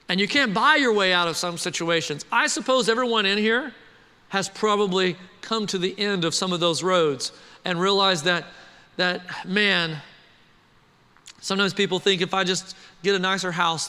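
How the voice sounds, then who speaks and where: A man preaching a sermon to a congregation, animated and conversational, often asking the crowd questions. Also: high voice, clear, resonant tone, big-room sound. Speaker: pastor.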